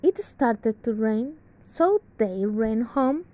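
A woman reading an English grammar lesson aloud from a textbook, slowly and carefully with pauses. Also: on the high side, lively intonation, mellow. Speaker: English teacher. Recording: dull lo-fi sound.

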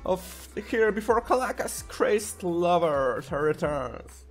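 A man voicing a president's young daughter who gushes tearfully at her rescuer, pushing his voice high for a game. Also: lively intonation, slow pace, soft background music, exaggerated voice. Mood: tearful, gushing. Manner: high-pitched, gushing, tearful.

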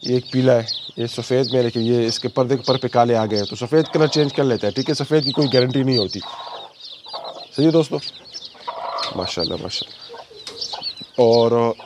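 Hoarse man in a noisy chicken yard. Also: mid-range voice, moderate pace, long pauses. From Pakistan. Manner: chatty, talks to the birds, coaxing. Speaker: poultry breeder vlogger. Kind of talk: casual walkthrough vlog. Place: outdoor yard by chicken cages. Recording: noisy outdoor recording with chickens. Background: clucking chickens.

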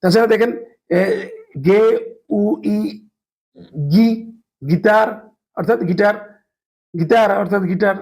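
A man teaching a language lesson, slowly spelling out letters and sounds with many hesitations. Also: high voice, darkish tone. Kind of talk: explanatory lesson.

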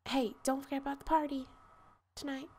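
A woman voicing a pushy, impatient young female friend in a game, speaking high and quick. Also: little pitch movement, darkish tone, a little hiss or hum, lightly acted.

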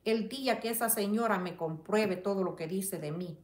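In an echoey room, a woman with a mid-range voice talks at normal speed during a casual live chat. Reading comments aloud, she indignantly stands up for herself and confronts a rival directly, using religious wording and praying for those watching.

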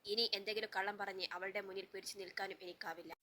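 A woman's voice: medium pitch, steady tone, fast, pushed and bright, a little hiss or hum, lightly acted. A woman voicing an anxious young husband who earnestly explains a hidden truth.

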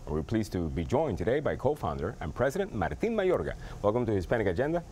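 A man's voice: fairly low pitch, big pitch swings, fast, darkish tone, slight background noise. A man in his thirties hosting a TV studio interview, asking friendly questions with many hesitations, on a lapel mic. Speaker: TV show host.

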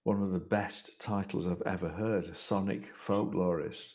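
A man's voice: sits low, fairly even intonation, unhurried, a little mellow. A man in a panel discussion on a video call, thoughtful and rambling, restarting his phrases. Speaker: host, artist.

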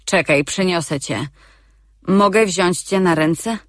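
A woman reading the lines of a gentle, caring young male warrior in a storybook, calm and reassuring. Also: lowish voice, takes it slowly, dry recording, clean studio sound.

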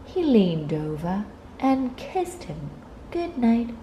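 A woman storyteller reading a children's picture book aloud in an expressive, deliberate way. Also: fairly high pitch, slight background noise, rough recording.

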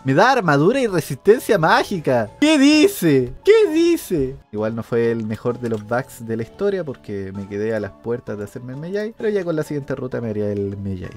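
Animated man commentating his own gameplay. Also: medium pitch, brisk, few pauses, soft background music. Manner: animated, with sudden excited shouts and sound effects. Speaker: gaming streamer.

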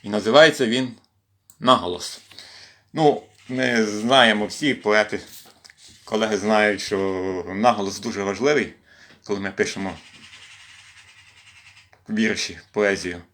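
A man from western Ukraine reading poems aloud in an expressive recitation during a home livestream. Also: fairly low pitch, a little slow, pauses often. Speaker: poetry reader in a volunteer series. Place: at home with his cat.

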